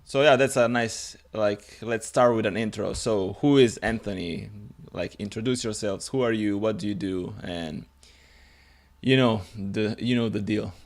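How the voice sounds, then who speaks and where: Gravelly and lowish, this young man's voice moves at a measured pace as he hosts a fitness podcast. It's casual podcast chat, delivered in an upbeat, enthusiastic, informal way.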